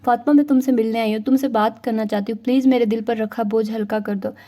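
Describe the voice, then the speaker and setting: A woman's voice: fairly high pitch, steady tone, quick pace, warm tone, natural voice. A woman narrator voicing an earnest young woman who pleads with her friend for forgiveness. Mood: pleading.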